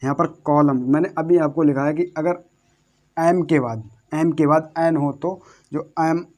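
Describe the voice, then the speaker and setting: A man's voice: a little high, steady tone, a little slow, a little mellow. A man giving a lesson. He repeats himself, asks the viewers questions and answers them himself, and spells out words letter by letter. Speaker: English teacher. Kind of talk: classroom-style lesson.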